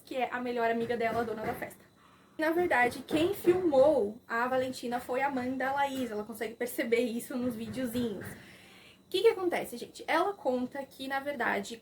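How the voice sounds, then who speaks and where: A young woman with a Brazilian Portuguese accent gives a casual, lively recap of a film and acts out the characters' lines. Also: sits high, slight background noise. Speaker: film reviewer.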